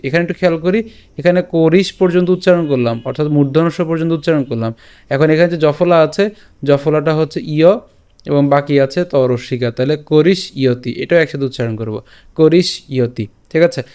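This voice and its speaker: A man teaching Sanskrit verse pronunciation, repeating each syllable slowly and checking in with his listeners. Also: on the high side, darkish tone, smooth. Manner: slow syllable-by-syllable repetition, frequent "ঠিক আছে?". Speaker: Gita teacher. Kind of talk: pronunciation lesson.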